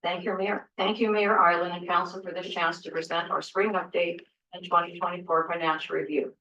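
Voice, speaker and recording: A woman's voice: on the low side, flat delivery, brisk, pushed and bright. A woman delivering a prepared, formal presentation to a council. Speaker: library delegate presenter. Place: indoor council chamber. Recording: echoey, distant mic with faint noise.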